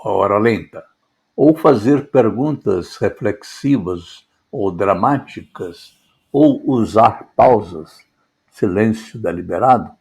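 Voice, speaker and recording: A man delivers a scripted lesson on public speaking at a slow, deliberate pace. His voice sits fairly low and carries a noticeable gravelly fry. He lands on each key word with care, like a teacher walking through examples. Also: a little mellow. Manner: measured, deliberate delivery with stressed words.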